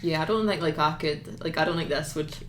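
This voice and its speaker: Young host with a thick Fife accent, lowish voice, chatty and giggly, echoey room with faint noise. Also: female voice, fairly quick. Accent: Fife Scottish. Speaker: podcast host. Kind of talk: casual podcast chat. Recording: roomy echo with faint noise.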